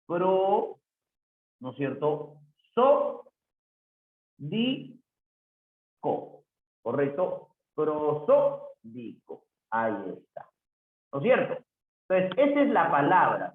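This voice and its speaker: A man teaching a class online, who keeps asking "¿no es cierto?" and acts out his students' questions himself. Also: on the high side. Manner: repeats the tag "¿no es cierto?" often, voices imagined student questions himself. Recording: echoey room over a tinny phone-like line.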